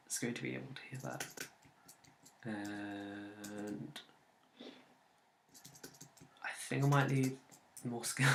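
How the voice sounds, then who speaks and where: A man's voice: mid-range voice, vocal fry, a bit bright, echoey room, slight background noise. A man commentating casually on a game he is playing, muttering and swearing at his failed attempts. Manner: muttering, swearing at failures, rambling. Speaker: let's play host.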